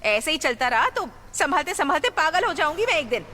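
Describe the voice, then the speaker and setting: A woman dubbing a film role as a harried, sharp-tongued mother who scolds her family. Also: high voice, sing-song, a little fast, heavily acted. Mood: exasperated. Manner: scolding, shouting. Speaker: dubbing actor. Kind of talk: dubbed film acting.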